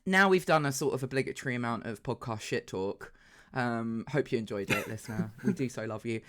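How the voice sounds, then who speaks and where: Man, around forty, mid pitch, chatty, animated, swears casually, podcast host. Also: brisk, background noise. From south coast of England. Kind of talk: casual chat.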